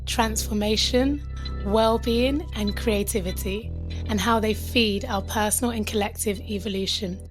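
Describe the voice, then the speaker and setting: A woman's voice: medium pitch, fairly even intonation, unhurried, music in the background. A woman co-hosting a podcast, chatting casually and bubbly, with giggles and frequent "like". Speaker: podcast co-host. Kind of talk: casual chat among friends.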